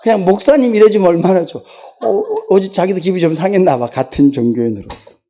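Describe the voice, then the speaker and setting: A woman's voice: on the low side, fast talker, mellow. A woman pastor preaching a sermon in a church, mixing laughing personal stories with emphatic, pleading exhortation. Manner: emphatic, pleading preaching that rises into fervent declarations; tells personal anecdotes with laughter. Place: church sanctuary.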